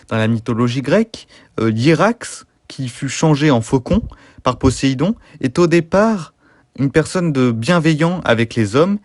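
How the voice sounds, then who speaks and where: A man hosting a mock-serious fan theory video, delivering far-fetched analysis deadpan and over-earnest, with frequent hesitations. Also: medium pitch, no echo, clean studio sound. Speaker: YouTube host.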